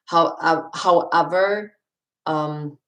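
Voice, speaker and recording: A woman's voice: deep voice, extremely slow, echoey room. A young woman from Sweden with a Swedish accent, chatting casually on a live stream as she answers viewer questions and laughs often.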